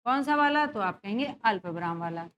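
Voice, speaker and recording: A woman teacher going through exam questions on punctuation, reading each example sentence slowly several times and putting questions to her students. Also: mid-range voice, animated, fairly bright tone, clean tone, muffled recording. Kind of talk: exam-prep grammar lesson.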